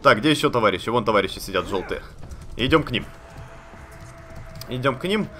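A man giving chatty, excitable commentary while playing a video game, talking to the characters on screen and swearing casually. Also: mid-range voice, a little fast, slight background noise. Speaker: let's play gamer. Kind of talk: live gameplay commentary.

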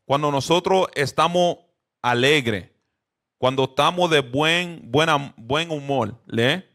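Animated man leading a Bible class. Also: on the high side, slow pace. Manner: keeps checking in with listeners; drops English fillers into Spanish. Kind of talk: interactive bible lesson.

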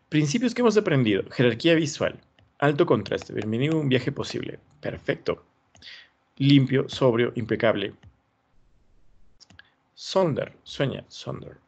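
A man's voice: mid-range voice, vocal fry, a little mellow, slightly rough. A man teaching an online class, thinking aloud and encouraging as he reviews students' work. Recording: dull lo-fi sound.

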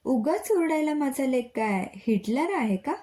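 A woman voicing a sharp-tongued, teasing old grandmother in a story reading. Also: high voice, animated, a little slow, pitched above the performer's own voice. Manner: mock-stern and jibing.

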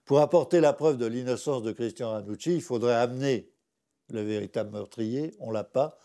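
Insistent male writer in interview, gravelly and dark, hammers points home. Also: mid-range voice, moderate pace. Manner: insistent, repeats points for emphasis. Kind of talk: documentary interview.

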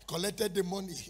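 Fiery raspy preacher. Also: male voice, high voice. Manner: fiery, sing-song, dramatic storytelling. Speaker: apostle preaching. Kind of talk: sermon with acted-out Bible scenes.

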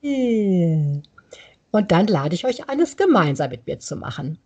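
A woman who hosts a laughter yoga podcast, gently coaxing listeners through exercises and laughing often as she explains. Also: lowish voice, big pitch swings, fairly quick, husky, lo-fi sound.

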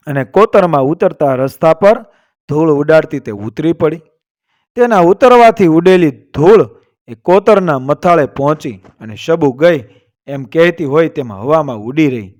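A man narrating a village story in a steady, literary reading voice, reading the quoted lines as part of the telling. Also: on the high side, no room sound, clean studio sound.

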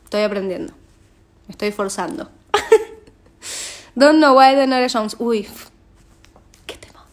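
Young argentine woman, high voice, chatty phone livestream, reads fan msgs out loud. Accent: Argentine Spanish. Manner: chatty, reads fan messages aloud, quick asides. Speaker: singer hosting a livestream. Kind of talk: casual livestream chat.

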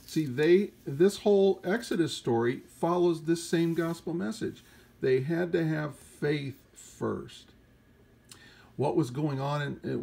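Emphatic male preacher, husky with some fry, mid pitch. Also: dark tone. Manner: emphatic, rhetorical questions, reads scripture aloud. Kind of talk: Bible teaching sermon.

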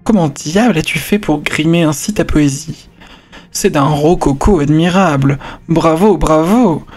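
Man doing sly flattering salon poets, slow and drawn out, slightly raised voice. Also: a little high, faint music behind. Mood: mock-admiring. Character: fawning male poets and artists, mock-admiring.

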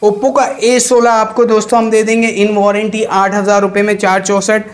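Young guy, pretty high voice, chatty shop salesman pitch to camera, throws in english words. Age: young adult. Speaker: second-hand phone seller presenting shop stock. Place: small mobile phone shop, indoors. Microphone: lapel mic.

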